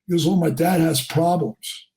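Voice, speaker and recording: Man, middle-aged, fishing captain, high voice, lively storytelling, acts out quoted voices. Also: normal speed. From New Jersey. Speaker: charter fishing captain, guest. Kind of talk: animated storytelling in a podcast interview.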